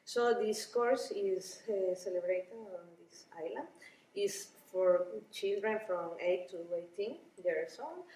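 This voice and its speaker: A woman from Rica, a Spanish speaker, answering interview questions in a halting way with many restarts and small laughs. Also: medium pitch, mellow, slight background noise. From Costa Rica. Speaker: violinist and ethnomusicology researcher. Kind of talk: conference interview. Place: busy conference venue. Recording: roomy, distant, with busy crowd murmur.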